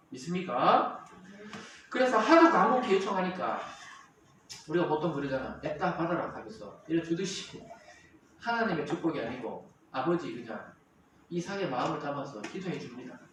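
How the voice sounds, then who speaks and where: Animated preaching pastor in an echoey hall. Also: male voice, fairly high pitch, moderate pace, slight background noise. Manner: animated preaching with call-and-response. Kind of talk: sermon. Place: church sanctuary. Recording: roomy church hall, mic at a distance.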